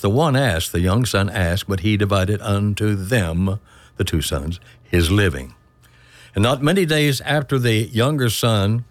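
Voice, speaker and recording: On a church radio program, an older man with a fairly low-pitched voice preaches and reads scripture in a folksy, halting manner, correcting himself along the way.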